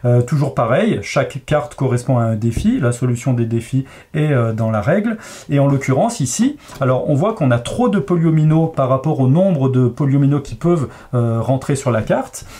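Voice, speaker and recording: Chatting informally, a male game designer patiently walks through the workings of a logic puzzle, leaning on plenty of fillers in this board-game explanation. He speaks at a moderate pace, medium pitch, with a dark tone and lively intonation.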